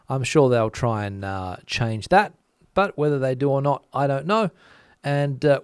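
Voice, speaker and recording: A man's voice: medium pitch, no room sound, clean studio sound. A man hosting a casual commentary show, reading viewer comments and thinking aloud with many fillers and restarts.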